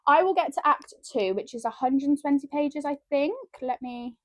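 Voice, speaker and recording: A chatty woman talks straight to her viewers in a casual book vlog, excitable and rambling. Her voice sits a little high. The sound is close and dry, with almost no room in it. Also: normal speed, dry recording. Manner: chatty and excitable, keeps addressing viewers as guys. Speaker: book vlogger. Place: room at home with window open.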